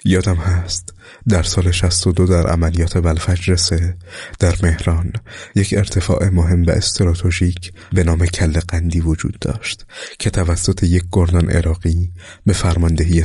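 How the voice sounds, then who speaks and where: Deep, flat-voiced male narrator. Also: slightly rough, dry recording, clean studio sound. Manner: slow, solemn reading that drops to a soft whisper at emotional moments. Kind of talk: scripted audiobook narration of war memoirs.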